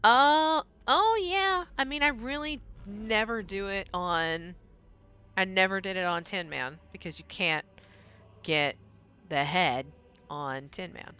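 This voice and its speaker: A woman's voice: medium pitch, slow pace, pushed and bright, smooth, highs cut off. A woman streaming a game and chatting casually, rambling and laughing often. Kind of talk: casual gaming stream chat.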